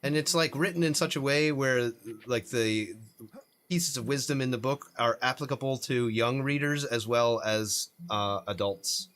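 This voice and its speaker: A man's voice: mid-range voice, measured pace, a bit bright. A man streaming an online game, chatting casually and laughing often as he rambles. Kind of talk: casual live gameplay commentary.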